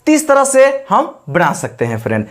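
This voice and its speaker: A man with an Indian accent teaching spoken English in Hindi, slowly and patiently repeating each example. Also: extremely high pitch, huge pitch swings.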